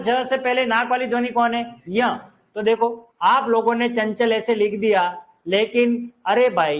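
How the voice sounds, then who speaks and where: A man teaching a grammar class, explaining step by step and quizzing his students. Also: very high-pitched. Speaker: Hindi teacher. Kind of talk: classroom lecture.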